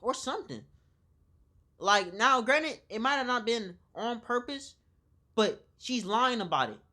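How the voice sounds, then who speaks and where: A woman's voice: fairly high pitch, lively intonation, measured pace, sharp tone. A woman streaming on camera, reacting to a video in loose slang with lots of repeated words, talking straight to her viewers. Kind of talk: casual live-stream reaction commentary.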